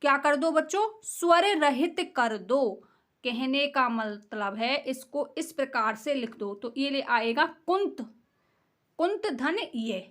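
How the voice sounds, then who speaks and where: A woman's voice: sits high, expressive, takes it slowly, a bit bright. A woman teaching a grammar lesson, explaining step by step, asking her students questions and answering them herself.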